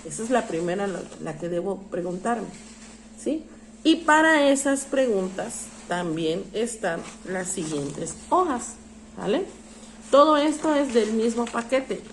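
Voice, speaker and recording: A woman's voice: medium pitch, a little hiss or hum. A woman teaching a lesson, patient and explanatory, often asking rhetorical questions and calling out words for emphasis. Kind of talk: online class lesson.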